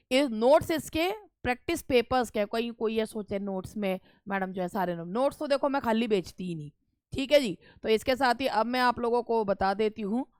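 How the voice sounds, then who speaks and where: Lady teacher doing exam prep online, clear smooth voice, dry close mic, drags out words to show stress. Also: on the high side, no room sound. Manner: explains step by step, repeating terms with stretched demonstration stress.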